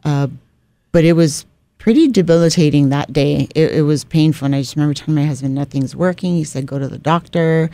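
Speaking a little fast in a low-pitched, dark-toned voice, a middle-aged Hawaiian woman shares her story as a radio executive on a podcast. Set in a small radio studio at a boom-arm broadcast mic with no room sound, the casual interview chat is sprinkled with frequent "you know"s.

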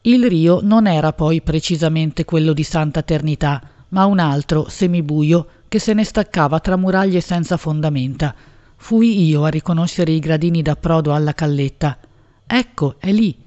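A woman narrating a literary novel as an audiobook in a measured, expressive reading. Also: sits low, highs cut off.

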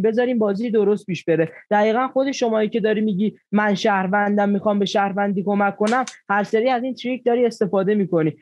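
A man's voice: high-pitched, darkish tone, no room sound, muffled recording. A man playing an online party game, insistently pleading his case. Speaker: game player.

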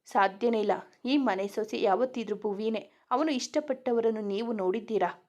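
A woman's voice: fairly high pitch, moderate pace, darkish tone, close to an everyday voice. A woman voicing a stern, wealthy middle-aged mother who scolds in a dismissive tone. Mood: scornful.

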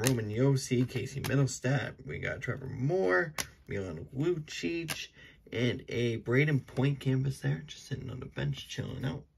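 A man's voice: mid-range voice, gravelly, slight background noise. A young man casually talking through opening packs of trading cards, rambling with frequent ums and small self-corrections. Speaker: card-opening video host. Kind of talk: casual unscripted commentary.

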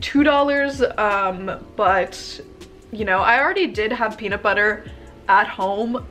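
Chatting to camera from her bedroom, a twenty-something woman vlogger gushes through a casual haul video, bubbly and full of "like" and "um". She has a fairly high pitch and a fairly bright tone.

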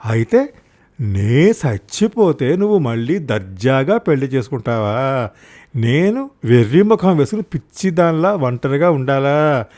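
A man voicing a sharp-tongued, sarcastic village wife who answers back to her husband. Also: sing-song, a little slow. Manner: sarcastic and shrill.

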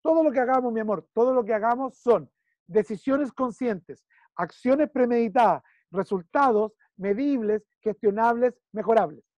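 A man's voice: very high-pitched, moderate pace, a little mellow, dry recording, muffled recording. A man with a Chilean accent coaching a client one-on-one, emphatic and repeating key phrases while he checks in. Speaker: business consultant.

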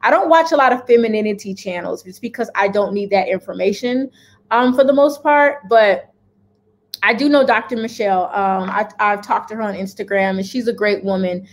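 Speaking fairly quickly in a medium-pitched voice, a woman in her thirties gives a casual opinion chat to camera. She is a lifestyle vlogger filming in her home kitchen, direct and emphatic, and keeps checking in with "okay?".

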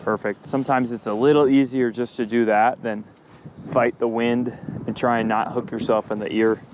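Out by a pond, a man records a fishing vlog, addressing viewers loosely and with mild slang. He speaks at normal speed with a medium-pitched, level, somewhat dark voice amid noisy outdoor sound.

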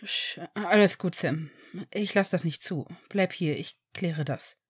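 A woman doing a calm, kindly village doctor. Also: on the low side, unhurried, husky, no echo, clean studio sound, voice pushed down. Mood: soothing. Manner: gentle, soothing, hesitant. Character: kind male village doctor, calm and soothing.

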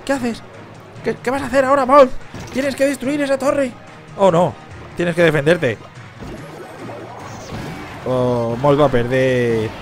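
A young man from commentates gameplay in a fairly high voice. He swings from loud cheering and yelling at the screen to quiet muttered asides. Game music plays clearly under his voice. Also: a little slow, pauses often. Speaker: gaming youtuber. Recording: game music playing behind the voice.

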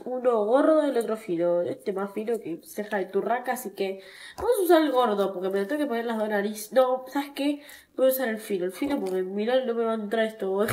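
A woman's voice: on the high side, a little mellow. Stuffy-nosed young Argentine woman vlogging. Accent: Argentine Spanish. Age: young adult. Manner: chatty, self-mocking, whiny when in pain. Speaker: TikTok creator. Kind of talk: casual vlog chat.

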